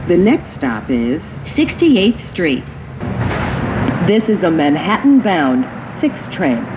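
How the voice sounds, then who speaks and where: A woman reading scripted recorded public transit announcements, like at an airport, in a measured, formal, clearly phrased manner. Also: sing-song. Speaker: subway train announcer. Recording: dull, noisy capture inside subway train. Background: train rumble and ambience.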